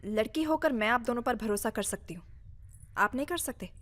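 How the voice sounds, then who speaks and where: A woman's voice: on the high side, lively intonation, brisk, a bit bright. An actress dubbing a bold young Bengali woman in a film, polite but daring. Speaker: film character. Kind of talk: Hindi film dub.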